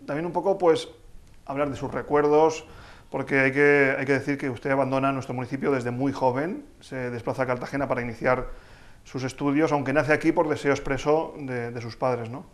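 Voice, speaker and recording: A man's voice: mid-range voice, fairly even intonation, brisk. A man interviewing a guest politely and formally, phrasing his questions tentatively. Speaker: local programme interviewer.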